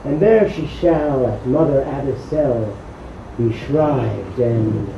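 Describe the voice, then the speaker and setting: A man's voice: medium pitch, slow, creaky. A man playing an earnest young man in love in a stage play, speaking formally. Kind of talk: stage acting. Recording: roomy hall, faint noise, from far.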